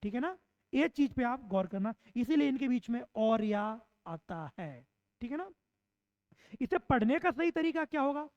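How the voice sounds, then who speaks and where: High-voiced woman drilling a class. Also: animated, darkish tone, dry recording. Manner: asks questions and answers them herself; repeats points slowly to drill them in. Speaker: exam-prep teacher. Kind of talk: online classroom lecture. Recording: dull, slightly lo-fi dry recording.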